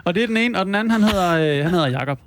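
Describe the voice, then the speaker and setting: A man's voice: sits high, animated, no echo. Dry, teasing podcast co-host man. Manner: teasing, informal, reads announcements. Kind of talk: casual chat.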